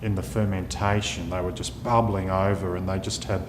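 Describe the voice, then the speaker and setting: Male winemaker, low voice, halting sommelier tasting notes, unscripted, echoey noisy room. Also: little pitch movement. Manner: descriptive tasting talk with halting pauses. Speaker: winemaker presenting his wine. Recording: echoey room, clear rumbling background noise.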